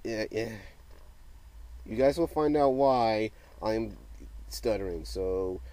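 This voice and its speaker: A young man casually talking to his viewers in a vlog update, stammering and rambling, swearing freely and now and then bursting into loud excited outbursts. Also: lowish voice, slow pace, poor audio. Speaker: YouTuber giving a channel update.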